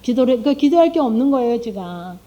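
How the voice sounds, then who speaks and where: A woman's voice: on the high side, very animated, fast, dark tone. A middle-aged woman, a lay church speaker, giving a conversational testimony, asking her listeners rhetorical questions and acting out her own prayers aloud. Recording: dull lo-fi recording.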